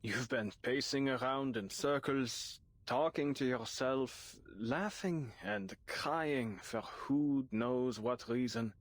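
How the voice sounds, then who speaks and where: An actor voicing a calm, condescending gentleman in a game, speaking in a smooth, patronizing way. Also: medium pitch, slow pace, hardly any pauses, no echo. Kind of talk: game voice acting.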